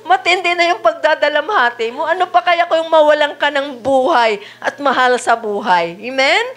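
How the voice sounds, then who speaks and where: A woman's voice: high voice, moderate pace, a bit bright. A woman preaching a sermon, often asking the congregation rhetorical questions and reading Bible verses aloud in English.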